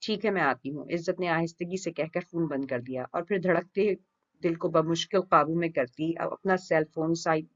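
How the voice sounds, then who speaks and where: A woman reading a romance novel aloud as an audiobook narrator, steady and expressive. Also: fairly low pitch. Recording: dull lo-fi recording.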